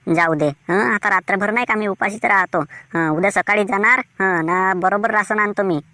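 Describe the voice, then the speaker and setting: A woman's voice: mid-range voice, moderate pace, pushed and bright, close to an everyday voice. A woman voicing a lazy, stubborn village husband in a Varhadi Marathi accent, talking in a grumbling, dismissive way. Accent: Vidarbha Marathi (Varhadi). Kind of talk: cartoon voice acting.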